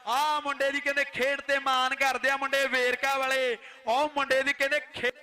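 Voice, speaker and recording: Very high, bright Punjabi man commentating kabaddi. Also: completely flat delivery, moderate pace. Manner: declamatory, chanting announcer delivery with repeated phrases. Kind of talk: live play-by-play sports commentary.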